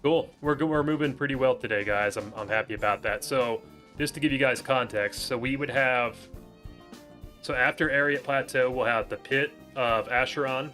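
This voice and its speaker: Bright-voiced male streamer on a headset mic. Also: medium pitch, normal speed, soft background music. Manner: relaxed, talks to viewers by name. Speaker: game streamer. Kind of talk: casual livestream gameplay chat.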